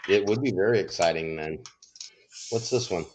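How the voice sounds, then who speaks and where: A man's voice: sits low, normal speed, slight background noise. A man hosting a livestream and chatting casually. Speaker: livestream host. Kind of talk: casual chat.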